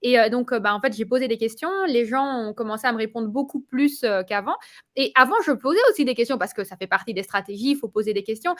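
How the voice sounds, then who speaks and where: A woman's voice: a little high, quick pace, a bit bright. Woman chatting with many hesitations. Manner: hesitant, many fillers and restarts. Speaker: client giving a testimonial. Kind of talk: casual conversational testimonial.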